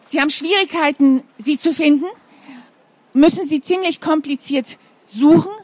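A woman's voice: high voice, moderate pace, a little mellow, no room sound. A woman reading a children's story aloud, adding informal asides to her young listeners.

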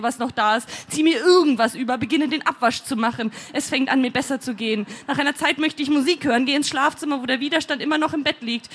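A woman performing a dramatic slam poetry text on a live stage. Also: sits high. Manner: dramatic, swings from weary to shouting. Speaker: slam poet.

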